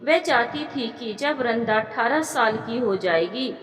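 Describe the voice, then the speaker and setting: A woman reading a sad family story in a slow, steady, solemn narration. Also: a little high. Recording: echoey room with long reverb.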